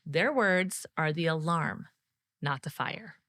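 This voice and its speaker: Bright, dry-voiced woman coaching leaders. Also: sits low, animated, slow pace, no echo. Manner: warm direct coaching, speaks to the listener as friend. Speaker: podcast host and leadership coach. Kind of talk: scripted solo podcast teaching.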